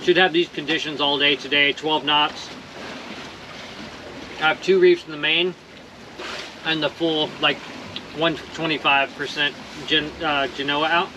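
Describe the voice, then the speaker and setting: On the deck of a small sailboat out at sea, a man in his forties narrates a casual vlog to an action camera close by. He sounds relaxed and upbeat, his slightly high voice loose and cheerful, peppered with fillers and soft laughs, while wind and water rush past the hull throughout the windy audio.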